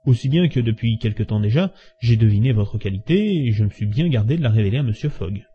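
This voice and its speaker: A man's voice: mid-range voice, expressive, fast talker, close to an everyday voice. A man reading aloud and voicing an agitated, slightly drunk young male servant who exclaims and protests. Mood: indignant. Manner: exclaiming, indignant, pleading. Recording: dull lo-fi recording.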